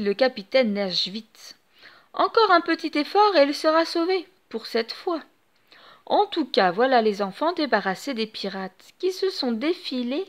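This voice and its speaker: A woman with a high voice reading a children's storybook aloud. She tells it expressively and with lively animation, as if to young listeners. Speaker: storybook reader.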